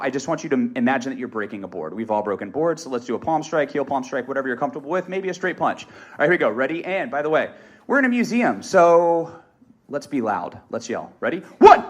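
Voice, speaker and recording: A man in his thirties giving an energetic live motivational talk on a museum stage, speaking into a stage microphone. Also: mid-range voice, fast talker. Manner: energetic, rallying the audience. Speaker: motivational speaker and martial arts instructor. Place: stage at an event venue in a museum.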